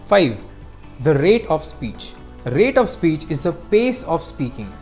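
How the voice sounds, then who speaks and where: A teacher giving scripted narration on speaking skills, explaining clearly and acting out short examples. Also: mid-range voice, sing-song, takes it slowly, darkish tone, soft background music.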